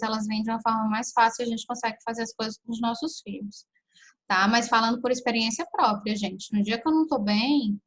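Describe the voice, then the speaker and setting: A woman with a somewhat high voice hosts a relaxed live chat. She answers viewers' questions and gives parenting advice, speaking right to her audience in a chatty, practical way. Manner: chatty and advice-giving, often addresses listeners directly. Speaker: parenting live-stream host.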